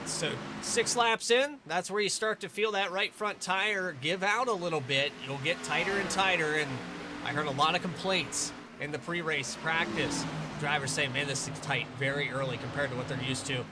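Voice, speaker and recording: Higher-voiced man calling a motor race. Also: fairly even intonation, normal speed, heavy background noise. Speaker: race broadcast commentator and host. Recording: music under the voice.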